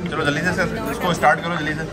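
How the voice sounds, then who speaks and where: A man's voice: a little high, little pitch movement, rapid-fire. A man, reviewing dishes casually and eagerly at a busy restaurant table, filmed on a phone. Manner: chatty, enthusiastic about the food. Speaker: food vlogger. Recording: loud restaurant crowd and music. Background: loud crowd chatter and music.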